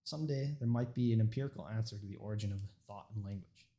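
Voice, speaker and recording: An earnest young man, a student whose first language is Urdu, reads out a prepared informative speech at a fast pace in a voice on the low side. He stays mostly steady, though a few stumbles and restarts slip in.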